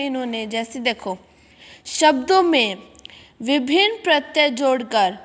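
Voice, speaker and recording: A woman teaching a grammar lesson in a high voice, going slowly through each example and checking in with her listeners. Her voice rings with a long reverb, as if in a bare hall. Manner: explains step by step, repeats words and checks with "ठीक है".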